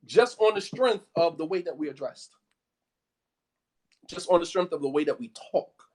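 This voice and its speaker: High-voiced American man, emphatic. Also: animated, moderate pace, darkish tone. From United States. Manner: emphatic, repetitive, peppered with 'you know what I mean'. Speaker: Islamic studies teacher. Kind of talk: impassioned talk.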